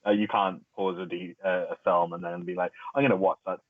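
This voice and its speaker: Give me a young man with a lower voice, heard over a thin, phone-like call with a bad connection, chatting and rambling casually. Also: flat delivery, brisk, no room sound. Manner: rambling, laughs easily, restarts words. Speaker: podcast co-host. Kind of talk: casual chat among friends. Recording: tinny phone-like call audio, dry.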